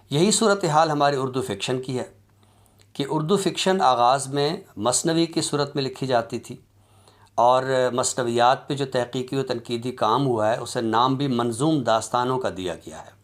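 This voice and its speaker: A man with an Urdu accent gives a formal academic lecture on literature. He speaks in a measured, deliberate way, with pauses and drawn-out fillers, in a mid-range voice.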